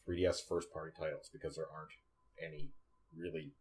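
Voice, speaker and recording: A man co-hosting a podcast, chatting casually about video games in a relaxed, rambling way. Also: sits low, quick pace, vocal fry. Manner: relaxed, rambling, laughs often. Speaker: podcast co-host. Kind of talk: casual gaming chat.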